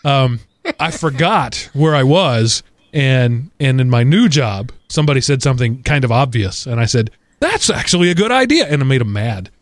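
A man's voice: medium pitch, moderate pace, no echo. A man hosting a podcast in casual chat, rambling through asides with wry, self-deprecating humor. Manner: rambling, full of asides and restarts. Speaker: podcast host.

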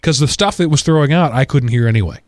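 Man, podcast host, casual chat, rambling asides, wry humor, medium pitch, dry sound. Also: fast, darkish tone, no room sound. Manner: rambling, full of asides and restarts; wry, self-deprecating humor.

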